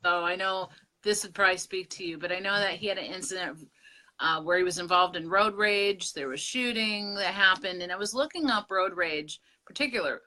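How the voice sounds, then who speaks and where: A middle-aged woman from Pennsylvania co-hosting a casual vlog conversation, candid and animated. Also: lowish voice, fairly quick. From Pennsylvania, USA. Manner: candid, animated storytelling with laughs. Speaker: co-host.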